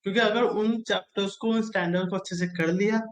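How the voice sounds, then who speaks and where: A man's voice: high voice, fairly even intonation, fairly quick, rough recording. A man teaching an exam-strategy lesson, repeating key phrases again and again in a coaxing way. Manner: repetitive, drilling phrases over and over, coaxing.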